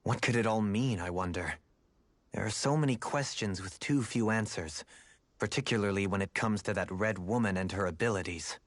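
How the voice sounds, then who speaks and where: A dry, close recording of a man playing a composed gentleman adviser in a video game. The voice is fairly low. He is analytical and measured, with formal, old-fashioned turns of phrase. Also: dry recording, natural voice. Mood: composed, pensive.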